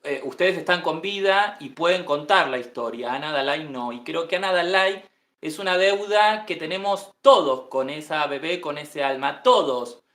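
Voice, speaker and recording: A man's voice: a little high, normal speed, a bit bright, roomy sound. A man interviewing and investigating, speaking earnestly and emphatically and repeating key phrases. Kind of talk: interview questions and commentary.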